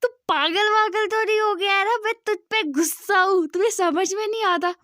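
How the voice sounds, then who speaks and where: A woman voicing an angry young man who scolds and yells at an old friend, in a storybook retelling. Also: very high-pitched, normal speed, no room sound, studio quality. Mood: shouting. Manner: scolding, yelling.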